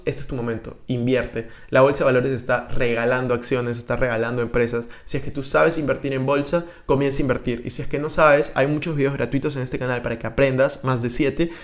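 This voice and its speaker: A young man gives direct-to-camera personal finance advice, coaching the viewer with energy and hand gestures, recorded on a boom-arm studio mic in a small room. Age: young adult. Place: small room indoors, seated on a couch. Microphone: studio mic on a boom arm in front of him.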